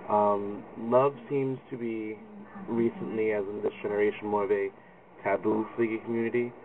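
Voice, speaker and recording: Speaking at a normal speed in a steady, fairly low voice, a young video blogger rambles candidly with plenty of ums in a personal monologue. The recording is lo-fi and distant, like a phone, with loud noise behind him.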